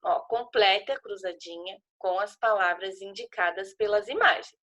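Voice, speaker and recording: A woman's voice: mid-range voice, moderate pace, a bit bright. A woman teacher with a Brazilian Portuguese accent, patiently walking young children through a worksheet and spelling out syllables. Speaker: primary school teacher. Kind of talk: remote class explaining a worksheet to children.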